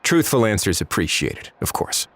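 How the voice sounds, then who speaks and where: A man playing a composed, shrewd official in a video game, measured and dryly polite as he probes. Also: lowish voice, sing-song, a bit bright. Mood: courteous, firm.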